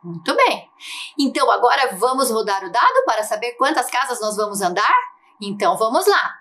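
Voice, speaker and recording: A Brazilian woman teaching a lesson to young children, drawing out key words slowly in a sing-song way. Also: on the high side, big pitch swings, a bit bright, a little hiss or hum. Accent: Brazilian Portuguese. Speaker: primary school teacher.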